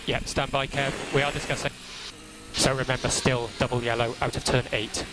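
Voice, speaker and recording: A male race engineer with a medium-pitched voice delivers calm, procedural briefings over team radio, repeating key instructions in a measured way. The transmission is crackly and noisy, typical of motor racing team radio.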